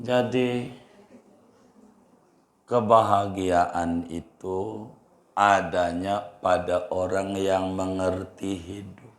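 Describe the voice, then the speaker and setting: A man's voice: low-pitched, steady tone, extremely slow, long pauses. A man preaching a sermon, telling a funny story and repeating phrases and rhetorical questions to the congregation. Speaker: Islamic preacher. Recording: roomy echo of a hall.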